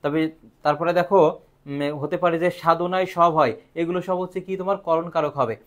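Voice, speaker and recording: A man's voice: on the high side, fairly even intonation, a little fast. A man teaching a live online grammar lesson, asking questions and answering them himself.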